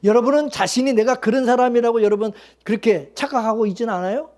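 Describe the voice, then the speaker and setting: A man's voice: very high voice, quick pace, darkish tone. A male pastor preaching a Sunday sermon, blunt and colloquial, firing rhetorical questions at the congregation.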